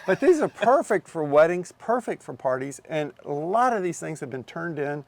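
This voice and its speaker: A man's voice: a little high, big pitch swings, moderate pace, gravelly, no echo. A man running a camera shop, chatting casually in a rambling way, repeating himself and restarting.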